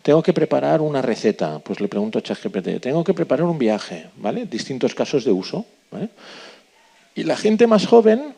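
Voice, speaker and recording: Lively man leading a workshop. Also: mid-range voice, fairly quick, vocal fry, husky. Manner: lively, asks the audience questions, says "¿vale?" often. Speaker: workshop speaker. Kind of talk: live workshop talk.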